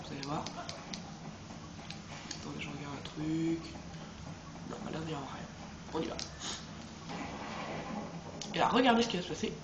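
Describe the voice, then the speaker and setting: A man chatting excitedly to viewers as he plays through a video game. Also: high voice, echoey room, noisy background. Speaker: let's play host. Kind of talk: gameplay commentary.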